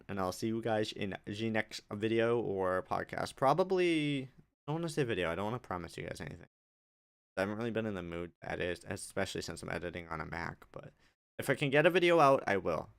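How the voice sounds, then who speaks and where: A man's voice: lowish voice, animated, brisk, vocal fry, a bit bright, clean tone. A young man hosting his own podcast alone, chatting casually and rambling off on tangents. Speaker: podcast host. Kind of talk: solo casual podcast chat.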